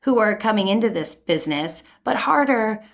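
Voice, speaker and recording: A middle-aged woman and voice actor chatting casually, with a sweet, smooth voice and crisp enunciation. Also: medium pitch, lively intonation, moderate pace. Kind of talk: casual chat.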